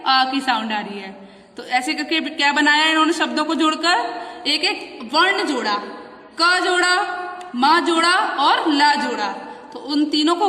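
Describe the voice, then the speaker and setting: A woman's voice: high voice, bright, forceful tone. A woman teaching a grammar class, asking questions and answering them herself, repeating sounds syllable by syllable. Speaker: school teacher. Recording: echoey room, voice from far off.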